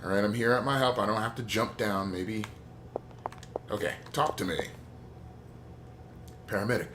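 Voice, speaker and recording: A man hosts a let's play, talking through the game in a rambling, opinionated way and cracking jokes as he goes. His voice sits a little low, with a faint hiss under the recording. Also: moderate pace. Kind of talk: gameplay commentary.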